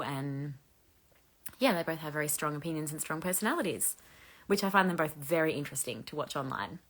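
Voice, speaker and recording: A woman in her thirties with a low voice, hosting a casual live chat and reading out viewer questions. She rambles in a friendly way, filling her sentences with "like", and now and then lets out a small laugh. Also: fairly bright tone. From Australia. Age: 30s. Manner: chatty, frequent "like" fillers, laughs lightly. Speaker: host answering viewer questions.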